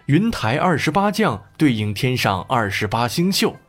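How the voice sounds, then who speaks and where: A man's voice: mid-range voice, normal speed, soft background music. A man narrating a children's history story expressively. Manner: expressive, lively.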